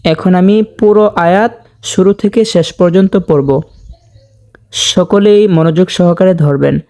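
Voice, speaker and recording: Brief: male recitation teacher, unhurried and warm, drawn-out chanted words between patient explanations. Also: sits high. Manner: patient, repeats each word slowly and stretches recited vowels; addresses viewers directly as dear viewers. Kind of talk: step-by-step tajweed lesson.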